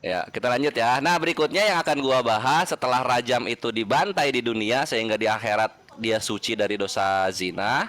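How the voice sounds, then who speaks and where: A man's voice: medium pitch, fairly quick, hardly any pauses, fairly bright tone, dry recording. A man taking part in a heated online debate, swinging between mocking taunts and a lecturing tone.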